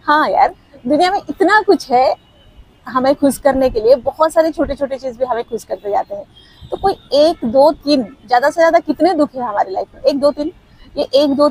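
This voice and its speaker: A woman's voice: high voice, darkish tone, slightly rough, no room sound, rough recording. A woman giving a casual motivational talk to camera outdoors, coaxing and conversational, dropping English words into her sentences. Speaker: motivational speaker.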